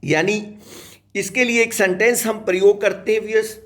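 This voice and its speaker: A man's voice: sits high, fairly even intonation, moderate pace, fairly bright tone. A man teaching an English lesson, who spells each word out letter by letter and calls his viewers "dear children".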